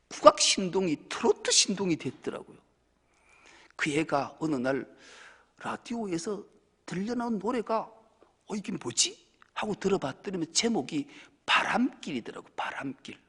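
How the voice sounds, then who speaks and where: A male pastor preaching a sermon, swinging between loud exclamations and hushed whispers. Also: high voice, big pitch swings, moderate pace, husky. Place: church sanctuary. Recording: church hall with long reverb.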